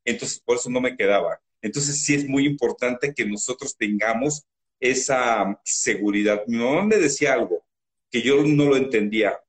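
A man with a Mexican accent, a guest in an interview, telling stories from his life in a loud, animated, emotional way. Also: medium pitch, moderate pace. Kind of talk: emotional storytelling.

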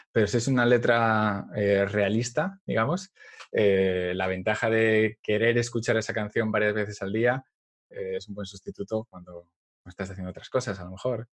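Low-voiced man chatting about learning Spanish. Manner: thoughtful, hesitant with fillers, jokey. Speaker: Spanish teacher podcast co-host. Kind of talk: casual teaching chat.

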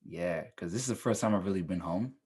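Young male podcast co-host, laid-back and reflective, husky low voice. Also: fast talker, a little mellow. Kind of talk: casual chat.

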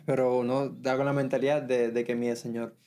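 Mellow-voiced man talking about faith. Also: mid-range voice, flat delivery. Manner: halting, restarts often, quotes scripture. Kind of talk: casual religious talk.

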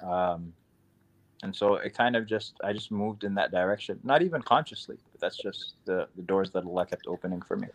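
Laid-back New imam, low deep voice, relaxed podcast guest talk. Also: male voice, fairly quick. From Queens, New York. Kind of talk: casual podcast chat.

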